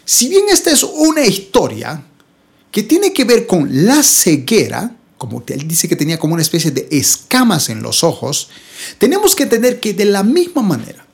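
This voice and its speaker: A Bible study teacher who reads scripture slowly and expressively, then explains it plainly, addressing the listeners as brothers and sisters. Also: mid-range voice, darkish tone.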